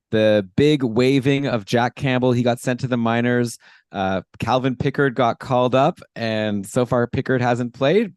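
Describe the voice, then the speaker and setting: A man's voice: medium pitch, no room sound, clean studio sound. Chatty male podcast co-host. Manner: chatty, laughs at himself, trailing asides. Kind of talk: casual podcast chat.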